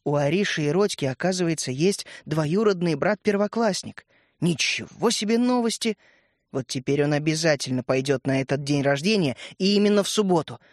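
Man reading a kids' storybook aloud, fairly high voice, dry close sound, expressive and steady. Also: normal speed, no room sound. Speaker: narrator. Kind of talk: scripted storybook narration.

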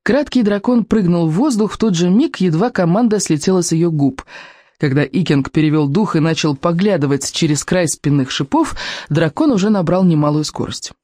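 A reader telling a children's adventure story with a lively, animated delivery that rises and falls a lot. The voice is warm and mellow, recorded dry and close with no room sound. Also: mid-range voice, moderate pace, dry recording. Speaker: audiobook reader. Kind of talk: scripted narration of a children's adventure book.

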